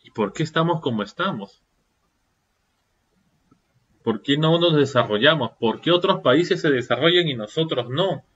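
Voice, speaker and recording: A man's voice: a little high, animated, moderate pace, long pauses, a bit bright, husky, muffled recording. A man giving a seminar lecture, firing off rhetorical questions and checking in with the audience. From Peru.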